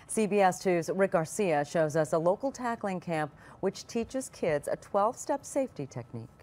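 A female TV news anchor reading a crisp, even lead-in to a report. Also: on the low side, moderate pace.

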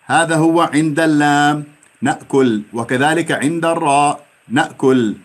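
A man from Iraq, teaching a tajweed lesson and stretching out each example he recites. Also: fairly high pitch. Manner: drawn-out demonstrative recitation of examples between explanations.

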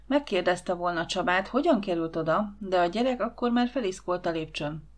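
Woman, lowish voice, audiobook reader who voices the characters in the dialogue. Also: expressive. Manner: acts out the dialogue with shifting voices. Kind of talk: audiobook narration.

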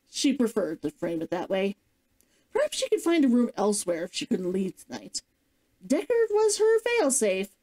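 A woman's voice: medium pitch, darkish tone, low-quality recording. A woman narrating a novel like an audiobook, reading expressively and dramatically as a streamer. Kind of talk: scripted storybook narration, audiobook-like.

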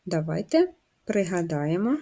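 Lady teacher, lowish husky voice, slow patient steps for little kids. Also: sing-song, warm tone. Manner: patient, step-by-step instruction with questions to children. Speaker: primary school teacher. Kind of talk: first-grade writing lesson.

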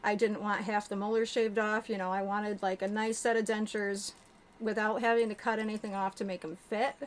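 A woman's voice: mid-range voice, flat delivery, moderate pace. Chatty woman talking through new dentures. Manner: chatty, candid, fillers like um and like. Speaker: vlogger sharing denture experience. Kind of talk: casual talk to camera.

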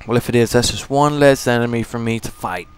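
A man giving casual, profane commentary while playing a video game, joking and talking back to enemies, moving between low mumbles and loud outbursts. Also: fairly quick, smooth. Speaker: gamer doing a walkthrough.

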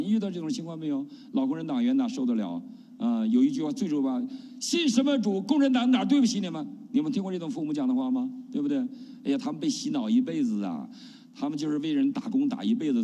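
A middle-aged man from China, a pastor giving an animated testimony sermon and often asking the congregation questions. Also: medium pitch. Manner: animated preaching with rhetorical questions. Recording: long hall reverb.

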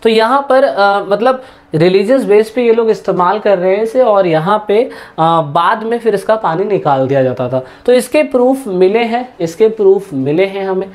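A woman's voice: mid-range voice, lively intonation, normal speed, a little mellow. Chatty woman teaching history. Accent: Hindi-English mix. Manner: chatty, repeats key points, addresses students directly. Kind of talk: casual online lesson.

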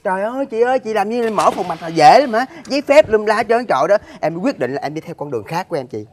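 A man playing a cook in a stage comedy sketch, excitable, exclaiming loudly and stammering. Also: high voice, fast talker, slight background noise. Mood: agitated. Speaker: cook who runs an eatery.

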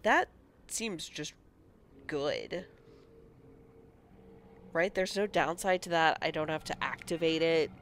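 A woman with a deep, cold-stuffed voice casually commentates a game for her channel, speaking slowly with long pauses as she reads menu options aloud and weighs them. A slight hiss or hum runs under the recording.

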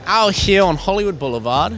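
A man's voice: high-pitched, animated, brisk, fairly bright tone, soft background music. Cheeky young man interviewing on the street. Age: young adult.

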